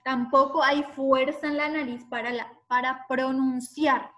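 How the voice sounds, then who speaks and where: Woman teacher on an online class, high bright voice, slow patient delivery, sounds spelled out. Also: fairly even intonation.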